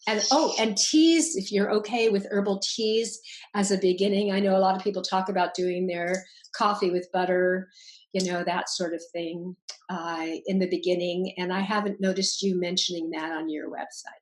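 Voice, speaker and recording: A woman's voice: medium pitch, fairly even intonation, moderate pace, low-quality recording. A woman in her sixties hosting an interview, asking long rambling strings of questions with fillers. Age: 60s. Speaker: host.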